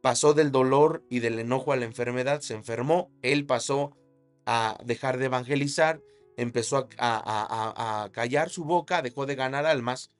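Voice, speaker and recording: A male pastor preaching a sermon, telling a story with dramatic emphasis and shouted sound effects. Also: medium pitch, moderate pace, faint music behind.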